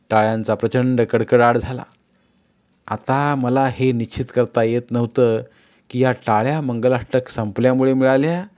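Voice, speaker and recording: A man narrates a first-person tale in an even, mid-range voice. His delivery is measured with a dry, wry touch, the pace of a patient storyteller. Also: medium pitch. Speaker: audiobook narrator.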